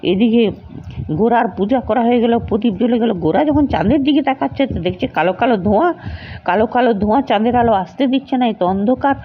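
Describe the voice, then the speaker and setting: A woman's voice: on the high side, quick pace, a little hiss or hum. A woman casually retelling the plot of a TV serial, loose and hesitant, with many filler sounds. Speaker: storyteller recapping a TV serial. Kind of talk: casual spoken story recap. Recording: dull lo-fi recording.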